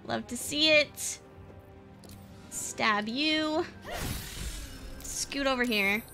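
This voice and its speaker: A woman's voice: sits high, drawn-out words. A woman streamer giving playful, chatty live gameplay commentary, swearing now and then and giggling at her own jokes. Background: game music.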